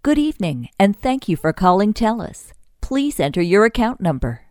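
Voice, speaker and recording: Female voice-over for phone menus: lively, warm pitch moves, dry close mic, soft music under. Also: normal speed, no echo. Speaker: phone system voice-over artist. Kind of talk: scripted phone greeting demo reel.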